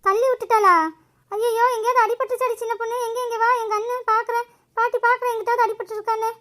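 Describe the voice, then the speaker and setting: A woman's voice: extremely high pitch, level tone, fast, a bit bright. Woman voicing a bossy old grandmother. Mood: scolding. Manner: scolding, nagging. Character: older grandmother, bossy mother-in-law, quick-tempered.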